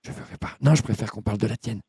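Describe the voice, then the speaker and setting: A man's voice: fairly low pitch, mellow, pitched below the performer's own voice, close to an everyday voice. A man doing a mumbling, stammering sick patient. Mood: muddled. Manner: stammering, halting, trailing off. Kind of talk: prank phone call.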